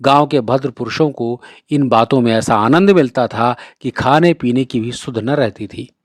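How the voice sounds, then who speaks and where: Brief: male storyteller, medium pitch, steady expressive reading, dry close recording. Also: moderate pace, dry recording. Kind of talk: reading a classic short story aloud.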